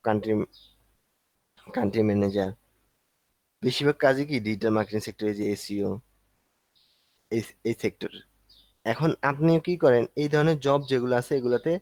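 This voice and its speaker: A man's voice: mid-range voice, a little mellow, no echo. Man teaching an online class. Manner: conversational, explaining step by step while showing a screen. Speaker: instructor.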